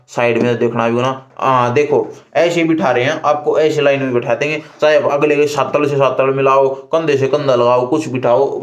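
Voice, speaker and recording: A young man talks casually and repetitively from a room, giving advice like a vlogger to his viewers. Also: mid-range voice. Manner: chatty, repetitive, conversational advice. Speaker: exam candidate vlogger. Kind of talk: casual talk to camera. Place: indoor room.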